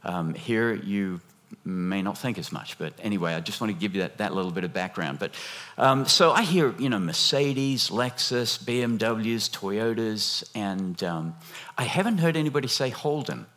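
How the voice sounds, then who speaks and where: A man delivers a sermon in an animated, conversational way, his voice rising and falling across a wide range. He stops and restarts often, fills pauses, and keeps turning to the congregation with chatty, joking asides. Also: lowish voice. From lived half in Australia, half in America. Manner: animated, halting with many restarts and fillers. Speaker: guest preacher. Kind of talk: sermon with audience interaction.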